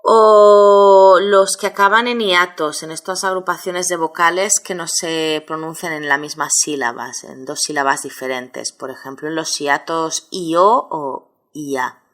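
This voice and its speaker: Slow, low-voiced woman teaching grammar. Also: steady tone, pushed and bright. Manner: measured, explains with many examples. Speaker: Spanish teacher. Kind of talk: grammar lesson.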